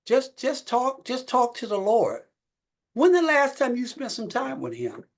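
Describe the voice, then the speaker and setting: A man on a company call giving a folksy, preachy motivational talk, repeating phrases and rising high and loud when fired up. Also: huge pitch swings, measured pace. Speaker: network marketing leader speaking on a company call.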